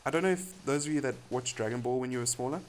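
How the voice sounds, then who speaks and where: A man's voice: mid-range voice, quick pace, slight background noise. A man chatting casually on a live stream while he builds in a game, rambling and laughing often.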